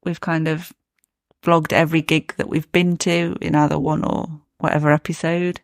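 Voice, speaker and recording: Gravelly-voiced chatty podcast co-host. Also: mid-range voice, flat delivery, normal speed, no echo, clean studio sound. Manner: chatty, laughs often. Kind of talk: casual chat.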